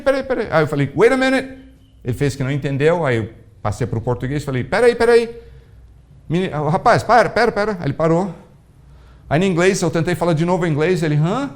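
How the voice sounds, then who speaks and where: A man preaching a sermon as a pastor, telling a story with animated, acted-out dialogue. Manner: animated storytelling, acting out dialogue with big pitch swings.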